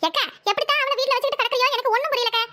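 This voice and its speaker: Cartoon: fast, squeaky, aggrieved aunt, voiced by a woman. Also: fairly even intonation, bright, forceful tone. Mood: indignant. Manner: dramatic lamenting, fast high chatter. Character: complaining middle-aged village woman, wailing and aggrieved. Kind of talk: cartoon voice acting.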